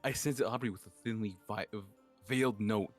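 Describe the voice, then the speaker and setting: Man doing a young male writer's murder confession, low voice, plain delivery, faint music behind. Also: fairly quick, close to an everyday voice. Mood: bitter. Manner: reads a dramatic confession in an even voice. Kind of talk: murder mystery party role-play.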